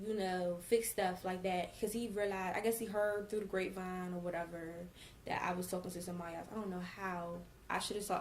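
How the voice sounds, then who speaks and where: A young woman with a mid-range voice recounts a personal experience in a relaxed storytime vlog. Quoted lines get acted out with emphasis, and a faint hiss or hum sits in the background.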